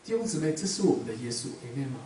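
Fast-talking pastor in an echoey hall. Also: male voice, mid-range voice, very animated, a little hiss or hum. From Taiwan. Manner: emotional, swings between loud emphasis and soft murmurs. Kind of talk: sermon with personal testimony. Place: church hall. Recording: very echoey hall, speaker far from mic.

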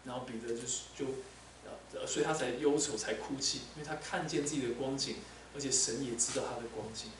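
A man's voice: mid-range voice, steady tone, brisk. A man preaching a sermon, teaching with animation and slipping English terms into his talk. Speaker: pastor. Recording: echoey hall, mic at a distance, faint noise.

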